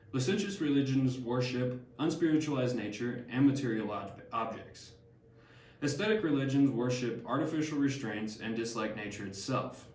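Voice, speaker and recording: A man's voice: mid-range voice, natural voice. A young man playing Harriet Martineau, a learned older woman, reading lines plainly with small stumbles. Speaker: student actor. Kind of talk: amateur class skit read from script. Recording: echoey room, distant mic.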